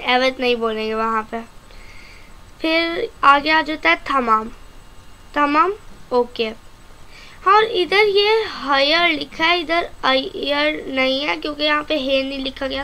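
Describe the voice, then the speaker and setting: A woman with a Pakistani Urdu accent teaching an online language lesson, slowly repeating each vocabulary word and calling her viewers friends. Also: sits high, pushed and bright. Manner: slow, careful repetition of vocabulary.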